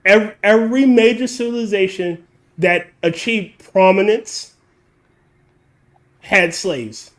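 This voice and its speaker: The host's voice is high-pitched and a bit bright, with a measured pace and frequent pauses. He's running a casual podcast chat, blunt and freely profane, explaining his point in long runs.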